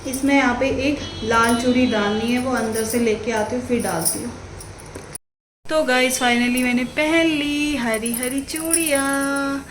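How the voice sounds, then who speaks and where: A woman's voice: sits high, measured pace, roomy sound, a little hiss or hum, rough recording. A young woman from Uttarakhand chatting casually to viewers in her home vlog, calling them guys. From Uttarakhand, India. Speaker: vlogger.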